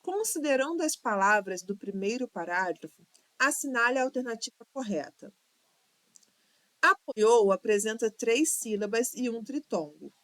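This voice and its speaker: A woman's voice: on the high side, expressive, normal speed, a bit bright, no room sound. A Brazilian woman teaching Portuguese for exams, patiently going through questions and sounding out words syllable by syllable. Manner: patient, counts syllables aloud, drawls words to sound them out. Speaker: Portuguese teacher for exam prep. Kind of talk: online lesson walking through exam questions.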